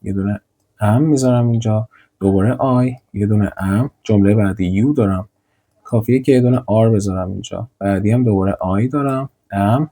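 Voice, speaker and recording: Husky young guy teaching grammar, dark soft tone, says example sentences real slow. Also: fairly low pitch. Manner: slow, deliberate model sentences, repeating drills. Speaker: English teacher. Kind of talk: grammar lesson with slides.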